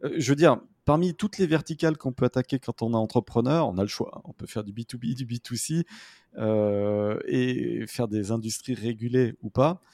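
A man from France hosting a business podcast, joking and energetic as he interviews a founder. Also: mid-range voice, moderate pace, dry recording, studio quality. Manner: jokey, energetic, self-mocking. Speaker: podcast host.

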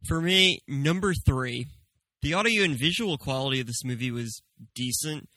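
A man's voice: mid-range voice, normal speed, pushed and bright, no room sound, low-quality recording. A man co-hosting a casual review chat in a dry, offhand manner. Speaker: movie review show co-host.

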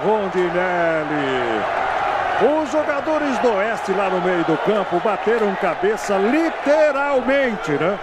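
A Brazilian man doing live football play-by-play, with emphatic, drawn-out calls and repeated words. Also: high voice, very animated. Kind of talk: live football match commentary. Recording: loud stadium crowd noise. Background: noisy football crowd.

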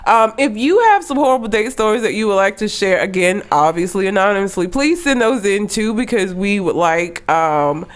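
A woman's voice: mid-range voice, animated, moderate pace, hardly any pauses. A woman co-hosting a casual podcast, blunt and sweary, with a congested, froggy voice from being under the weather. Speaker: podcast co-host.

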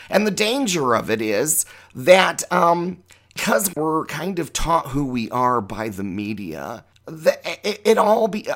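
A man's voice: a little high, a bit bright. A middle-aged man hosting a podcast as a drag queen, giving a rambling, tangential, profane monologue. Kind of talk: opinionated monologue.

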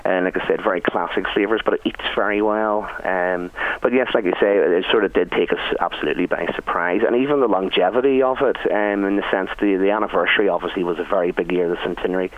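A man's voice: deep voice, fairly even intonation, fast, few pauses, narrow, tinny audio. A middle-aged man with a Northern Irish accent, chatting and telling anecdotes as a guest chef in a radio interview. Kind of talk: conversational radio interview answers.

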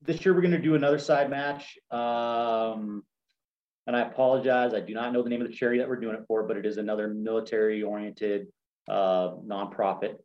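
A man's voice: on the low side, steady tone, brisk. Easygoing man, slightly dull audio. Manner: easygoing, laughs while talking. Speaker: shooting match organizer. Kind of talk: casual chat.

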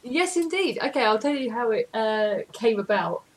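A woman's voice: a little high, lively intonation, normal speed, poor audio. A woman telling teasing stories in a casual podcast chat, often giggling.

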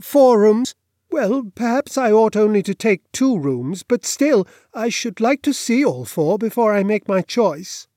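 A man voicing a lanky, nervous gentleman lodger who speaks courteously but with a shrill, hesitating, unbalanced voice. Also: very animated, a little slow, dry recording, studio quality. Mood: courteous, uneasy.

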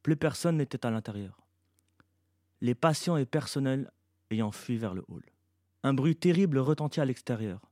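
A man, the author, reading his science-fiction novel aloud in an even, measured narration. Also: mid-range voice, no echo, clean studio sound.

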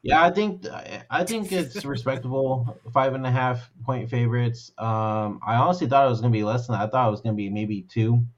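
A male sports podcast co-host who talks bluntly and swears freely. His voice is middle-pitched and comes through a slightly dull, lo-fi mic. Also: a little fast, few pauses, slight background noise. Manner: blunt, cursing, heated about sports. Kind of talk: casual podcast banter.

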